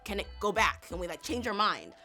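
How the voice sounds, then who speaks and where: Casting: female reaction host, conversational and animated, reads aloud in disbelief, mid-pitched voice over light music. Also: a little fast. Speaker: host reacting to emails and notes. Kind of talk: casual reaction commentary.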